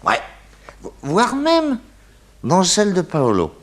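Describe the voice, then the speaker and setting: An actor voices a cocky, excitable male private detective in a 1960s French radio comedy serial, recounting his case in a theatrical, comically hesitant way. His high voice moves slowly and is heavily acted, with an explanatory, boastful mood.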